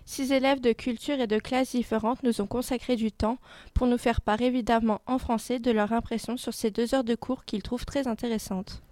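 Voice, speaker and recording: Young female radio presenter, higher register, dry studio-like sound, semi-scripted report. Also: steady tone, moderate pace, darkish tone, no echo.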